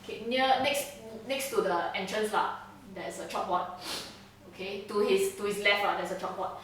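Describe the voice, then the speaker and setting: Here a woman runs a tabletop session as game master, keeping things relaxed and talkative, with plenty of laughter and frequent "okay?" check-ins with the players. She speaks at a moderate pace in a mid-range, somewhat bright voice, recorded from a distance in an echoey room.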